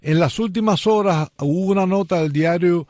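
A man hosting a news program, speaking in a measured way with frequent pauses. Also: high voice, darkish tone, no room sound, studio quality. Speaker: news show host. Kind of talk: radio news interview.

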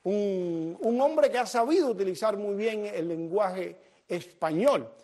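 A man's voice: high-pitched, a little slow. A man hosting a TV comedy show, telling jokes and acting out the dialogue in his stories. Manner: animated storyteller acting out dialogue. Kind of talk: comic monologue to the camera.

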